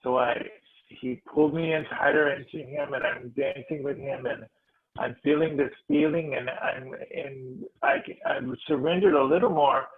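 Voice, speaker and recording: A man, a spiritual healer, telling a heartfelt story to a meditation group, animated and restarting his phrases. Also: mid-range voice, normal speed, gravelly. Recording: tinny phone-like audio.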